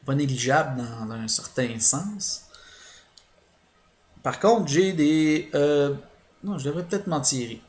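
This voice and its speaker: A man's voice: on the high side, lively intonation, slow pace, long pauses, roomy sound, slight background noise. A man with a Quebec French accent doing let's play commentary, thinking aloud with hesitations and explaining his strategy to viewers. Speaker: gaming channel host.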